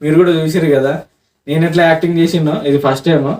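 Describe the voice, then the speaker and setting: A man's voice: fairly high pitch, fairly even intonation, rapid-fire, darkish tone, recorded from a distance. Chatty Telangana-accented man in echoey room. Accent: Telangana Telugu. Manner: chatty, teasing, addresses viewers. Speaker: prank video host. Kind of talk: casual vlog talk.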